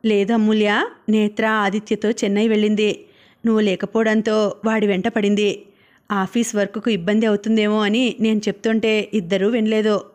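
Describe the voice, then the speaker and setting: A woman's voice: mid-range voice, little pitch movement, normal speed, darkish tone, natural voice. A woman voicing a fussing, affectionate older mother-in-law in a storybook reading.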